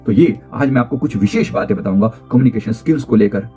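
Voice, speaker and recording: Guy coaching on how to talk, punchy and repeats stuff, warm mellow voice, faint music behind. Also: fast talker. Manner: emphatic, swings pitch and pace to demonstrate; repeats key phrases. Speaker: life coach. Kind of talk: motivational talk on communication skills.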